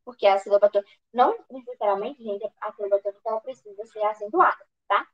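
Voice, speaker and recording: A woman's voice: mid-range voice, fast, dull audio. A woman with a Brazilian accent giving an online grammar lesson as an exam prep tutor, asking questions and answering them herself, with frequent restarts. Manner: asks and answers her own questions, restarts often.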